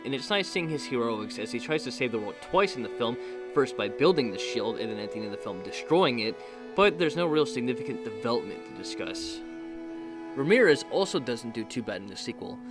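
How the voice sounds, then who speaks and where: Fast-talking male film reviewer over music. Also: medium pitch. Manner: brisk, wry, rattling off critical questions. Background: background music.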